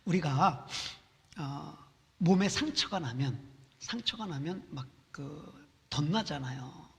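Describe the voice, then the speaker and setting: A man's voice: fairly high pitch, lively intonation, slow pace, gravelly, fairly bright tone. A man hosting a church interview, preacherly, with frequent affirming interjections, in an echoey hall. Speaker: church talk show host.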